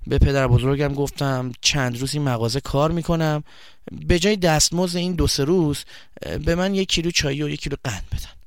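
A man's voice: fairly high pitch, fairly even intonation, clear, resonant tone, dry recording, studio quality, natural voice. A man doing a shy, earnest boy. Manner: earnest, explaining, bashful.

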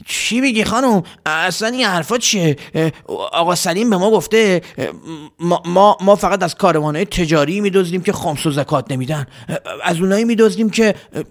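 A man's voice: high voice, pitched above the performer's own voice, close to an everyday voice. Storybook young villager, naive and earnest, stammering, played by a man. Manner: stammering, hesitant.

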